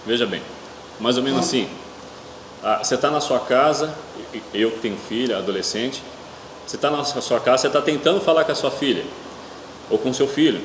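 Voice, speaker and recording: A middle-aged Brazilian man preaching a church sermon haltingly, his speech slightly hampered by a toothache, often posing rhetorical questions. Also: medium pitch. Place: indoor church hall with noisy ambience. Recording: echoey reverberant hall, clear room hum.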